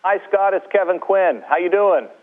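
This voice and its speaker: A man's voice: high-pitched, moderate pace. A man working as a TV reporter, asking friendly, plain questions over a space-to-ground radio link. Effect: radio link audio. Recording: tinny phone-like radio link.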